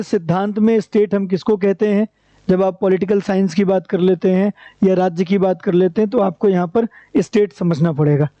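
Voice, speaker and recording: A man's voice: high-pitched, warm tone, no room sound. A man teaching an exam-prep lecture, asking rhetorical questions and answering them himself in a repetitive, drilling way. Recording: dry, dull lo-fi recording.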